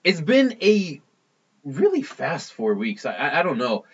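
A man's voice: fairly high pitch, wildly swooping pitch, measured pace, husky. A man hosting a podcast in casual, bantering chat, on a lo-fi recording. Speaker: podcast host. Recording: dull, tinny lo-fi podcast recording.

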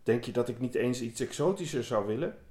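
A man's voice: medium pitch, expressive, fairly quick, a little mellow, close to an everyday voice. A man voicing a fussy, hysterical, poodle-like figure of goodness that whines and complains, read aloud from a poem in a roomy, echoing room. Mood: yearning. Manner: whiny and complaining. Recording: roomy echo.

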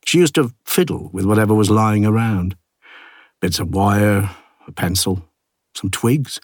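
A man reads a first-person literary audiobook in the role of an ageing village artist, a gruff, plain-spoken, reflective loner. His voice is low and husky, his delivery wry and understated at a measured pace, with a fond, wry mood. The recording is studio quality with no echo.

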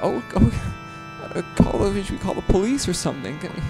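A man's voice: high-pitched, sing-song, moderate pace, creaky, music in the background, exaggerated voice. A man improvising a flustered husband who stammers and keeps exclaiming in surprise. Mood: panicked. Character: flustered husband caught off guard. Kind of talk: improv comedy.

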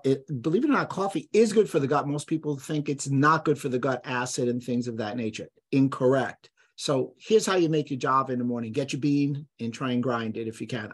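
Man, podcast guest, emphatic, blunt, lecturing, mid-pitched voice. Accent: none, trained out of New York accent. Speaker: podcast guest, health expert. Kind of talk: conversational podcast interview.

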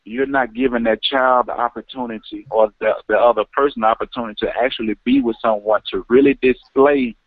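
A man phoning in to a radio talk show, earnest and often pausing with "um". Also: mid-range voice, fairly even intonation, no echo. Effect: heard over a phone line. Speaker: caller. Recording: tinny, dry phone line.

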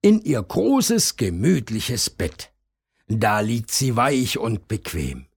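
A man narrating a children's bedtime story in a gentle, expressive manner. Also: medium pitch, takes it slowly, gravelly, husky.

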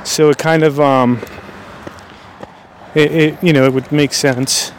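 A man's voice: on the high side, steady tone, slow pace, a little hiss or hum. A man out of breath, chatting casually in a rambling way with many fillers as he hosts a paranormal vlog outdoors at night by a busy road. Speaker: paranormal vlogger. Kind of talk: casual chat.

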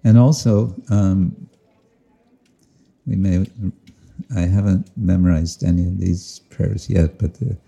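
A man giving a slow, reflective devotional talk outdoors to listeners, often chuckling and explaining Sanskrit and Bengali terms. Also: low voice, fairly even intonation, creaky, mellow, breathy edge. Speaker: spiritual teacher. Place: outdoors with listeners, sun overhead.

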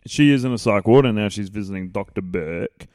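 A podcast host jokes and rambles playfully in casual chat while watching a film. He speaks briskly in a lowish, darkish voice, captured dry with studio quality.

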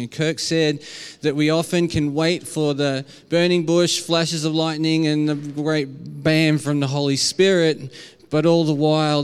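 A man's voice: on the high side, clear, resonant tone. A man with a broad Australian accent preaching an informal sermon in an earnest, conversational way. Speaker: preacher at a church.

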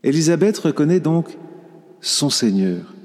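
A man preaching a sermon as a priest, slow and reflective, often restarting his phrases. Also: on the high side, sing-song, a little mellow, big-room sound.

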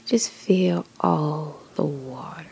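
A woman leading a guided meditation in a soft, whispery spa-like voice, soothing and measured, with pauses between short phrases. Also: low-pitched, creaky, a little hiss or hum.

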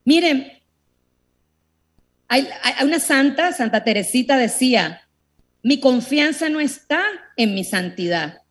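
Brief: woman preacher, a bit high-pitched, lively sermon delivery, tells anecdotes and addresses the crowd. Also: slow pace, long pauses. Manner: animated, storytelling, addresses listeners directly. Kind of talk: sermon to a live audience.

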